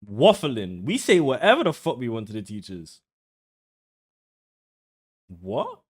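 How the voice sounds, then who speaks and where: A young British man talks straight at his live-stream chat, brash and blunt, cursing freely. His voice sits in an ordinary middle pitch. He mocks what he watches without holding back. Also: wildly swooping pitch, slow pace, husky. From United Kingdom. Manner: blunt, brash, heavy swearing, mocking. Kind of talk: casual live-stream reaction commentary.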